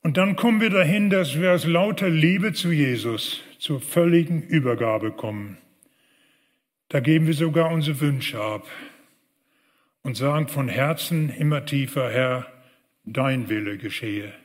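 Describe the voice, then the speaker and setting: A man preaching a sermon, earnest, rising loud on key phrases and dropping soft and low on prayers. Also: unhurried, long reverb tail.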